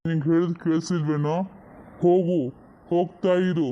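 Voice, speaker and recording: Man voicing cartoon old grandfather, stern yet doting, slightly high, very dark tone, dull lo-fi sound. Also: level tone, normal speed, a little hiss or hum, lightly acted. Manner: scolding, then fond.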